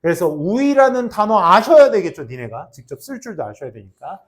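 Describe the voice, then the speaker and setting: Lively, high-pitched Korean-style classroom teacher. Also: male voice, fairly quick. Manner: animated, jokey, teasing students between grammar points. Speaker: English teacher. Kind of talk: classroom lecture with banter.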